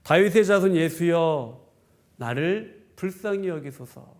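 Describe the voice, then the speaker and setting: A man's voice: on the high side, animated, measured pace. A male pastor voicing a desperate blind beggar who cries out and pleads for mercy. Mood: pleading. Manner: pleading, crying out.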